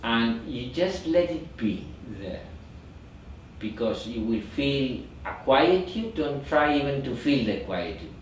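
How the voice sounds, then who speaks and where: Slow-speaking male meditation teacher in an echoey room. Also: medium pitch, sing-song, slight background noise. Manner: slow, repetitive, searching for words. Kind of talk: guided meditation instruction. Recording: echoey room, mic far off.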